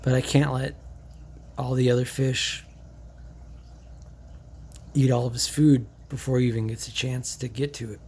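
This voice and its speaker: A man talks loosely beside his fish tank, thinking aloud, drifting between thoughts with plenty of fillers. His voice sits at an ordinary middle pitch. A faint hum runs under the recording. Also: flat delivery, moderate pace, pauses often, a little mellow. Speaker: aquarium hobbyist vlogger. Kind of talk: casual tank tour vlog.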